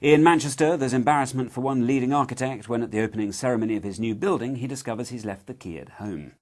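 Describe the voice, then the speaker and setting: A man hosting a comedy news quiz, reading scripted jokes in a crisp, deadpan manner. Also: medium pitch, fast, a little hiss or hum. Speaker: quiz show host. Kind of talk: scripted comic link reading.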